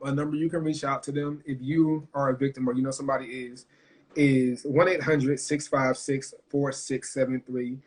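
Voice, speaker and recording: A man with a medium-pitched voice hosts a heartfelt livestream talk, speaking earnestly and emphatically and swearing freely. He is emotional and choked up, and the audio is poor.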